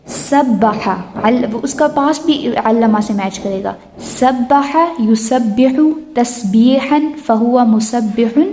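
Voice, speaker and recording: Mellow-voiced woman teaching, slow chanted drills. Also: fairly high pitch. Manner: slow rhythmic chanting of word patterns; mixes English terms into explanation. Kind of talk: recorded lesson.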